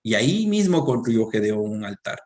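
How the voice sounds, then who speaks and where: A man preaching a sermon, reading scripture aloud and speaking directly to the congregation, rising to loud emphatic peaks and dropping to quiet low asides. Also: sing-song, normal speed. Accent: Latin American Spanish.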